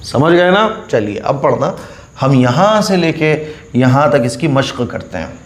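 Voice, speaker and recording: A man's voice: medium pitch, sing-song. Patient man teaching in an echoey room. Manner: patient, repeats the rule, drills each letter slowly. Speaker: Quran reading teacher. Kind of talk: step-by-step reading lesson.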